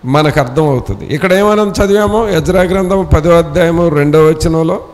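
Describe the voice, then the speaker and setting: Male preacher with a fairly high voice, exhorting in a sermon and leading the reading line by line, recorded in a hall with a long echo. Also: moderate pace, darkish tone. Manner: exhorting with repeated rhetorical questions; leads scripture reading line by line. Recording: long reverb in a church hall.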